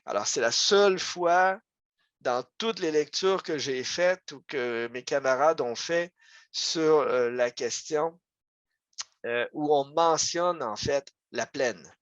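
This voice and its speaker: A man's slow voice, on the high side, carries a local history lecture online through a video call. He has a Quebec French accent and talks conversationally, with lots of fillers and asides. The audio is dull and without echo.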